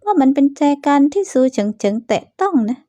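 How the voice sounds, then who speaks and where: A woman's voice: sits high, very animated, brisk, mellow, no echo, pitched above the performer's own voice. A woman doing a smug, taunting rich bully girl. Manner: taunting, smug, sing-song. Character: scheming spiteful young woman, rich bully.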